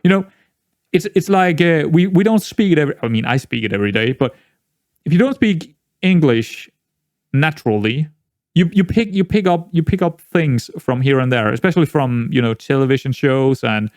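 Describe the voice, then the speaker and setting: This Danish-accented young man, a native speaker of Danish and a gaming YouTuber, talks loosely through a football management game, restarting often and bursting into excited exclamations. He sounds a little high and keeps a moderate pace, captured with studio quality and no echo.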